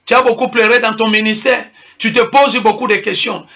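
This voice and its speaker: High-voiced emphatic preaching man. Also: fairly even intonation, a little fast, sharp tone, lo-fi sound. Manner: emphatic preaching, switching between French and Lingala, repeating refrains. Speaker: pastor. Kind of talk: sermon.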